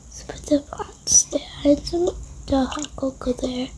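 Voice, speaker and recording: A young-sounding female creator with a high voice narrates an improvised roleplay game with toys, speaking softly and unhurriedly. She often slips into whispers.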